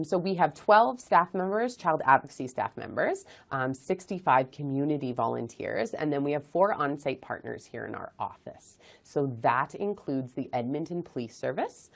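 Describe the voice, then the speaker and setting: A woman hosting an informational webinar, explaining her program steadily with frequent ums. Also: rumbling low. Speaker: webinar host, child advocacy director.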